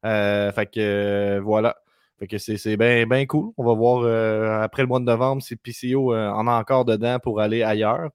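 Québécois man running a fast news rundown. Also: fairly low pitch, flat delivery, clear, resonant tone, no echo, studio quality. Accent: Québécois French. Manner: quick news rundown, lists words rapidly. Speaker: podcast host. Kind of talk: casual podcast chat.

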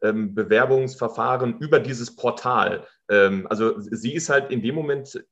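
A man's voice: medium pitch, normal speed, a bit bright. Man, podcast guest, rambling anecdote, stammering restarts, muffled dull sound. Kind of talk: casual anecdote telling.

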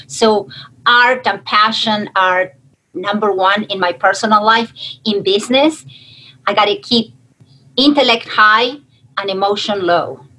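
An outgoing woman speaks as a panel guest, direct and sociable. Her voice is bright and forward. She talks at a middle pitch. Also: measured pace, poor audio. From Argentina. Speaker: nonprofit CEO, panel guest. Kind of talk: casual panel chat.

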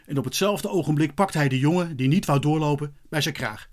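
A man narrating a children's story as an expressive, lively audiobook reading. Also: on the high side, fairly quick.

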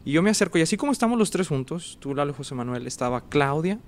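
A man's voice: a little high, fast, a little hiss or hum. A man, casually telling a personal story as a guest and acting out the dialogue and sounds. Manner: animated, acts out dialogue and sounds.

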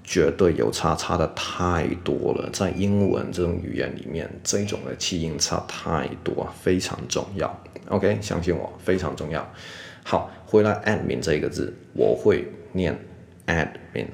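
A man teaching English pronunciation in a casual video lesson, dropping "OK" all the time, slowing down to demonstrate and repeat sounds. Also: low voice, lively intonation, creaky, darkish tone. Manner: sprinkles "OK" and English asides constantly. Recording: echoey room.

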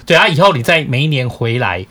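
A man's voice: mid-range voice, fast. A man hosting a podcast, chatting casually and acting out conversations as he tells a story. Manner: animated, quoting people in dialogue. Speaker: podcast host.

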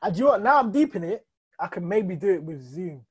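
A man's voice: high voice, sing-song, fast talker, crowd noise. A man, a podcast guest chatting casually in slang and repeating phrases for emphasis. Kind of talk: casual chat.

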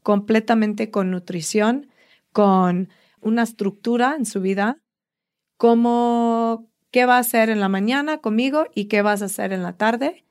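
A woman's voice: on the high side, unhurried, clean tone. A woman fitness trainer telling stories with enthusiasm in a casual interview. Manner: enthusiastic, animated storyteller.

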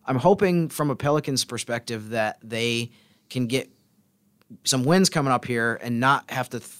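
A man co-hosting a casual sports podcast, talking in a thoughtful, measured way. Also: mid-range voice, fairly bright tone. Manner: thoughtful, measured, fills pauses with "I mean" and "so". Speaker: podcast co-host.

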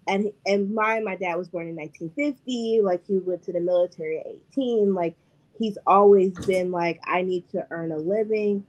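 A woman's voice: mid-range voice, normal speed, a little mellow, dull audio. A woman hosting a podcast, telling stories in casual chat, leaning heavily on "like" and "I was like". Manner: chatty storyteller, heavy use of "like" and "I was like". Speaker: podcast host.

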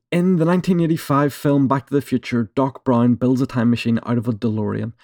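A man's voice: mid-range voice, mellow, no room sound, clean studio sound. A man with a British accent, hosting a podcast in a casual chat and putting questions to the others. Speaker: podcast host reading questions.

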